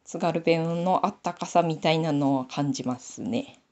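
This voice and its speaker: A low-voiced woman with a gravelly edge and a Nanbu Aomori accent, talking to herself as she knits. Her chat is loose and easy, a running commentary on her own work. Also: moderate pace, darkish tone, dull audio. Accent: Nanbu dialect of Aomori. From Aomori, Japan. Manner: chatty, talking to herself while knitting. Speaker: sock knitting YouTuber. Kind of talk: casual knitting tutorial chat.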